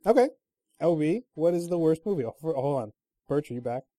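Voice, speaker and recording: A man's voice: on the high side, expressive, fairly quick, mellow, no room sound. A man hosting a casual online movie quiz, playful and laughing often. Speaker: quiz host. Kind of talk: casual podcast game chat. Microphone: online call mic.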